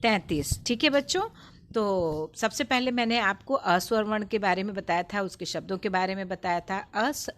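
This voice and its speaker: Woman teacher for a children's video lesson, mid-pitched voice, patient and slow on repeated words. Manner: patient, repeats words slowly and stresses sounds. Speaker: Hindi teacher.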